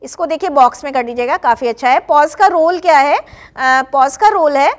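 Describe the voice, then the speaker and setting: A woman teaching an exam-revision lecture, reading English definitions slowly and then explaining them in Hindi. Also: sits high. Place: classroom-style online lesson.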